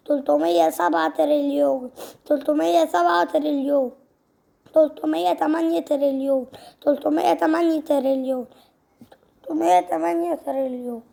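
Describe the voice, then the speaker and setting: Egyptian woman host, high and gravelly, playful game-movie role-play with lots of repetition. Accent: Egyptian Arabic. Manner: lively, repeats phrases over and over. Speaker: channel host voicing game characters.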